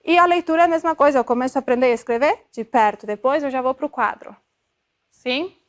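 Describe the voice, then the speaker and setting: High-voiced woman lecturing a class. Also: fairly quick. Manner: explanatory, checks in with frequent tag questions; demonstrative, sounds out syllables to illustrate. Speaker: optometry lecturer.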